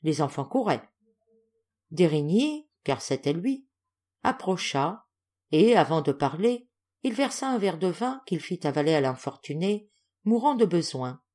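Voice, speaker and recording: A woman narrating a classic novel audiobook in a measured, clear storytelling manner. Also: on the low side, big pitch swings, dark tone. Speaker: audiobook reader.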